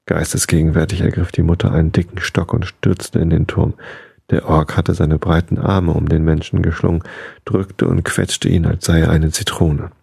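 A man reading a fantasy story aloud in a calm, measured storytelling manner. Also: deep voice, vocal fry, slightly rough, no room sound. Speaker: narrator.

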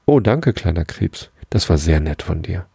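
A man's voice: deep voice, very animated, normal speed, gravelly, dark tone, slightly rough, no echo, studio quality, full character voice. A man voicing a cheeky, defiant little male rabbit in a bedtime story.

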